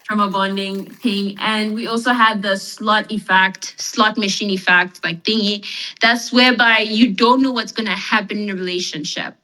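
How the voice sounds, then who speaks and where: A woman's voice: medium pitch, fairly even intonation, normal speed, sharp tone, rough recording. A woman with a South African accent, a podcast guest explaining ideas in casual chat, full of "like" fillers.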